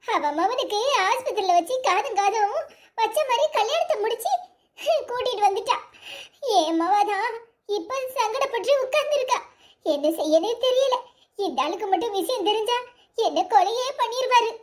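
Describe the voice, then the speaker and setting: A woman's voice: very high voice, animated, moderate pace. A woman voicing an anxious middle-aged village mother in a cartoon, lamenting in a Tirunelveli Tamil accent. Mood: fretful. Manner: fretful, lamenting.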